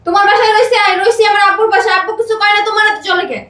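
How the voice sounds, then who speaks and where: A woman's voice: very high voice, fairly even intonation, rapid-fire, fairly bright tone, roomy sound. A woman playing a sulky young married daughter with a Bangladeshi Bengali accent, snappy and defensive.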